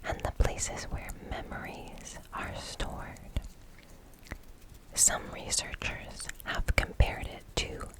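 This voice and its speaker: Asmr lady whispering science stuff really slowly, breathy, repeats words all soft and tingly. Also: poor audio. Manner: slow, repeating single words softly for tingles. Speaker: ASMR host explaining research.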